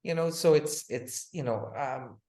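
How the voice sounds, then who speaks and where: A man's voice: fairly high pitch, a little slow, dark tone. A man speaking as a guest author in an interview, talking with passion and rhetorical force, leaning on repeated "again" and "right?" as he presses his points. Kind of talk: impassioned interview talk.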